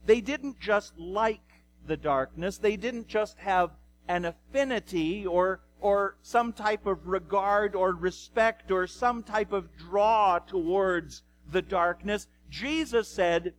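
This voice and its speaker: A man preaching a sermon, slowly and dramatically retelling a scripture story. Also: high-pitched, a little hiss or hum, low-quality recording. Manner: slow, dramatic retelling of scripture with acted quotes.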